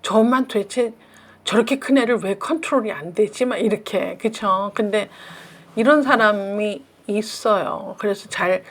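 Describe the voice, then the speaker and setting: A woman's voice: mid-range voice, unhurried. A middle-aged woman, a professor, giving a casual talk on parenting advice and acting out little scenes between mother and child.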